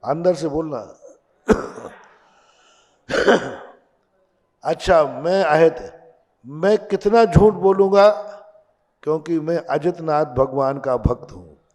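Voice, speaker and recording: A man delivers a sermon at a very unhurried pace, pressing his points and firing questions at the listeners. His voice sits fairly high for a man. The long reverb of a big hall trails after each phrase. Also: darkish tone. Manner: slow, emphatic, questioning the audience. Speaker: Jain monk preaching.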